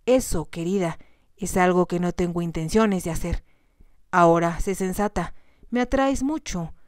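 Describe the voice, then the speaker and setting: A woman's voice: on the low side, moderate pace, a little mellow, dry recording, clean studio sound, close to an everyday voice. A woman voicing a pushy man who forces his way into a lady's room and brushes off her pleas. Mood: smug insistent. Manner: insistent, smug.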